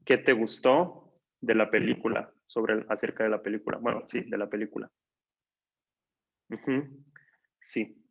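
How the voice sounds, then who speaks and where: A man teaching a language class online, patiently repeating words slowly and filling gaps with soft "ujú" sounds. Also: fairly low pitch, steady tone, vocal fry, lo-fi sound. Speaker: Swedish teacher.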